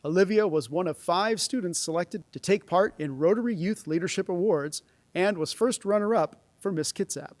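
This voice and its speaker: Male knighting ceremony presenter, slightly high-pitched, formal scripted delivery, close and dry podium sound. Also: moderate pace, a little mellow, dry recording. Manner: formal read-out delivery, announcing names ceremonially. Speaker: presenter at a school honors ceremony. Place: stage of a large auditorium. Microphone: podium microphone.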